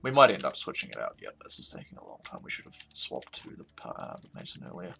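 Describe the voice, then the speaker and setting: A man's voice: rumbling low, wildly swooping pitch, fast talker, gravelly, bright, forceful tone, slightly rough. A tired man talking casually through a strategy game he is playing, thinking aloud and yawning now and then. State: sleepy, yawning. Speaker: let's play host. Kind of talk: casual gameplay commentary.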